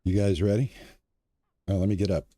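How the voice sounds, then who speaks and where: A man in his sixties streams a farming game live, chatting casually and cheerfully with his viewers. His voice sits low and dark with a level tone, he talks fairly quickly, and there's no echo.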